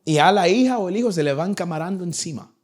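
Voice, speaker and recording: Animated young male preacher, higher voice. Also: fast talker. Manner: animated, acts out nagging parents in a raised voice. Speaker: pastor. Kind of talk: sermon. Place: church in Vancouver.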